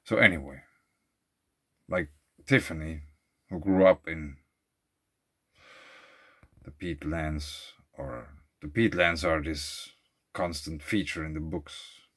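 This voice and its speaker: A man's voice: extremely low pitch, slow pace, pauses often, husky. A man from Switzerland vlogging outdoors by a lake, reading facts and then rambling into loose, thinking-aloud asides. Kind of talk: casual musing monologue. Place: outdoors at a lakeside beach.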